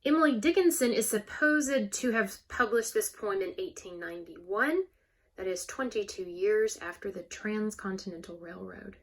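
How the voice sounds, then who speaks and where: A woman teacher giving a recorded poetry lesson, explaining carefully and stressing words to show rhythm. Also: medium pitch.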